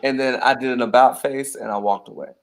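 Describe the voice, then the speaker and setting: Young male co-host, casual storyteller, lively quoted voices. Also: quick pace. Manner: animated, acts out quotes with big pitch jumps. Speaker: podcast co-host.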